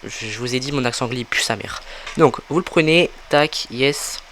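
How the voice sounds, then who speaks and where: Young man, casual gameplay commentary, relaxed, many fillers, desktop mic, faint hiss. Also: mid-range voice, normal speed. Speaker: gaming tutorial creator. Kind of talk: casual game walkthrough commentary.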